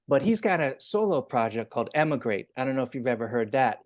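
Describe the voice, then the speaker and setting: A man's voice: medium pitch, sing-song, fast, darkish tone. A man hosting a casual interview, rambling and restarting his sentences with lots of fillers. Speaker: interview host.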